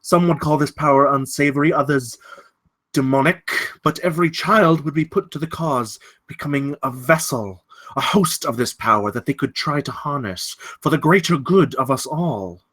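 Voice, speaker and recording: Here the same kind of role appears: a polite, threatening gentleman villain read aloud at a table read, his story told in measured, flowery, stagey phrases. The voice runs slightly high, and the tone is one of sly narration.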